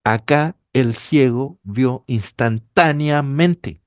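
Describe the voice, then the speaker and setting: A man's voice: medium pitch, drawn-out words, smooth, dry recording. A man preaching a sermon, explaining a passage to his congregation and rising to emphatic peaks.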